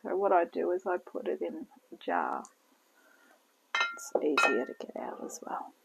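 A woman giving a relaxed, step-by-step cooking demonstration in her home kitchen, talking toward a camera on the counter. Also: lowish voice, gravelly, slightly rough, dull audio. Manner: slow, relaxed step-by-step instructions with frequent "okay". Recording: noisy home video with kitchen clatter.

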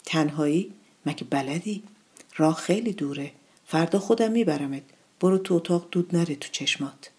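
A woman's voice: deep voice, darkish tone, husky. A woman reading as a firm, busy mother. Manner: firm, protective. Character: busy caring mother baking bread, middle-aged.

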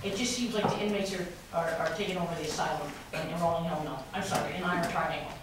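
A resident speaks during public comment at a city council meeting, making a complaint with many restarts and growing more heated. Her voice is lowish and quick. The podium mic is picked up by a far camera in a large wood-paneled chamber, so the recording sounds distant, echoey and noisy.

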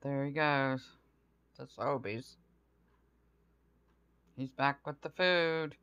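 A middle-aged woman with a rumbling low yet fairly bright, clear, resonant voice speaks extremely slowly, listing grocery haul items in short casual phrases at her table at home. She records on a handheld phone, and the highs are cut off.

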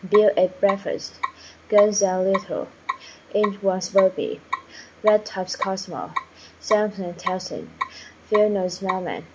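A woman's voice: mid-range voice, noisy background. Woman drilling words over kitchen clatter. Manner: careful, clipped, one word or phrase at a time. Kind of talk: pronunciation drill of single words and short phrases.

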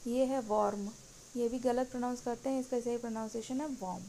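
A woman teaching English pronunciation in a Hindi-language lesson, saying each word slowly and repeating it for practice. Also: fairly high pitch, level tone, dark tone, a little hiss or hum, poor audio.

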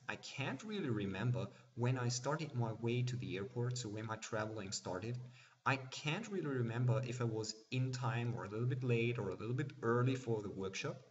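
A young man records a screen demo at his computer, explaining each step in a plain, matter-of-fact way. His voice sits at a middle pitch. The recording is a little muffled and lo-fi, as from a simple desk mic. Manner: plain explanatory, with fillers and restarts. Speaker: software presenter. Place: indoors at a desk. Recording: slightly dull, lo-fi sound.

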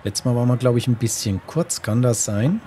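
A man hosting a casual let's play, musing aloud as he works out each move. His voice sits at a medium pitch, with faint game ambience behind it. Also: lively intonation, brisk, dark tone, a little hiss or hum. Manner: musing, talking to himself. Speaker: gamer, let's play host. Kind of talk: casual gameplay commentary, thinking aloud.

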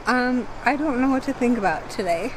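A young woman on a river fishing trip, talking in a playful, excitable way with plenty of cursing, recorded by an action camera on a boat. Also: a little high, normal speed. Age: young adult. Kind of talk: casual chat. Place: small boat on a river outdoors. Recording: very noisy outdoor camera audio.

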